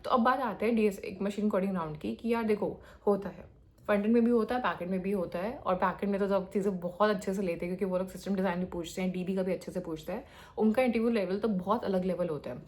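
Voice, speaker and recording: Fast-talking young woman. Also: medium pitch, darkish tone. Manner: hyperactive, rapid talker mixing in English phrases. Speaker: frontend developer giving career advice. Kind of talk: casual advice talk.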